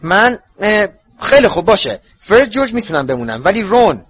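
A man voicing an anxious, fierce middle-aged mother in a storybook reading, pitched high and shrill. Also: big pitch swings, a bit bright, breathy edge, full character voice. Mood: agitated. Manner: shrill and pleading. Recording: dull lo-fi recording.

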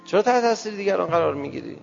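High-pitched, gravelly preacher man in a hall. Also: animated. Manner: emphatic, swinging between loud outbursts and soft asides; rhetorical questions to the audience. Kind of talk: religious sermon to a gathering. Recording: dull lo-fi sound with long hall reverb and faint music.

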